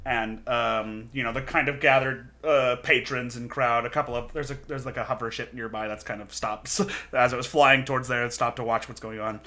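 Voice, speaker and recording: A man narrating a tabletop game as game master, halting with lots of fillers and giggles. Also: mid-range voice, steady tone, pushed and bright.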